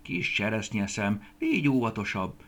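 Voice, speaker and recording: A man voicing a stiff, kindly scarecrow who speaks gently in a storybook reading. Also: on the low side, sing-song, heavily acted. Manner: gentle, soft-spoken, sometimes whispering.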